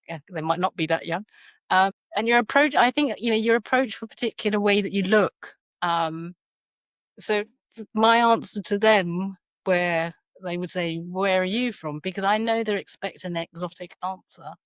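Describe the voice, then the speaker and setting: A middle-aged woman with a South London accent and a low voice talks through her story in an interview. She pauses often, and her thoughts come out in halting restarts and fillers. The sound is dry and close. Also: no echo. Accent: South London English. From South London, England. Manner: hesitant, lots of fillers and restarts. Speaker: podcast guest, educator. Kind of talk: reflective interview conversation.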